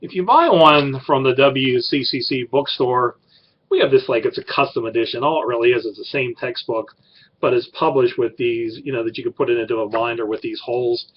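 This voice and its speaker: A man's voice: medium pitch, brisk, highs cut off, slight background noise. A middle-aged man who teaches college writing, giving a class introduction in a rambling way with many fillers and restarts. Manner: rambling, filler-heavy, self-correcting.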